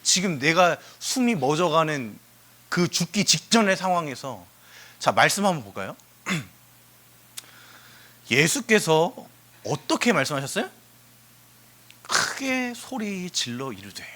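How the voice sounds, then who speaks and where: Brief: young male youth preacher, bright, tense voice, pitch leaping all over, cries out then drops to a near whisper, keeps asking the room questions. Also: slow pace, long pauses. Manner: animated, swings from loud cries to hushed asides; asks the listeners questions and answers them. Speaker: preacher at a youth worship service. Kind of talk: lively youth sermon with acted prayers.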